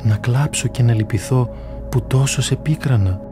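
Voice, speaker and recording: A man's voice: mid-range voice, over music, natural voice. A man voicing an old monk who pleads with God in earnest repentance. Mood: sorrowful.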